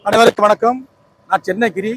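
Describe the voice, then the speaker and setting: A man's voice: sits high, fairly even intonation, brisk, fairly bright tone, no room sound, low-quality recording. A man with a Tamil Nadu accent, a mimicry artist, speaking with feeling in a tribute at a memorial gathering. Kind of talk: emotional tribute speech.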